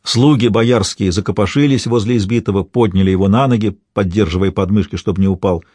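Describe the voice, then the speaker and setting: A man reading a historical tale aloud in measured, storytelling narration. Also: on the low side, a little mellow, dry recording.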